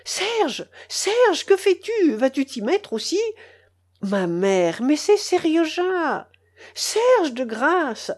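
A timid, kindly middle-aged uncle, as a woman reads him in an audiobook, anxious and pleading. His voice rides up high and wavers widely, then drops to a hushed aside. He sounds eager to calm everyone down. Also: normal speed.

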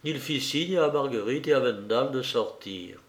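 A man reading a novel aloud with measured, dramatic pauses, in an echoey room. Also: medium pitch, animated. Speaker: audiobook reader.

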